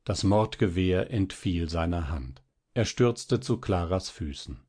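Low-pitched male narrator for a dramatic classic audiobook. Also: expressive, warm tone, breathy edge. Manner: measured, dramatic storytelling. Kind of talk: audiobook reading of classic fiction.

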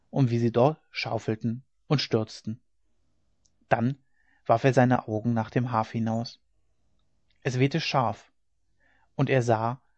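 A man narrating a literary audiobook in a measured, dramatic storytelling manner. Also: medium pitch, a little mellow, no echo. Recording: slightly dull lo-fi recording.

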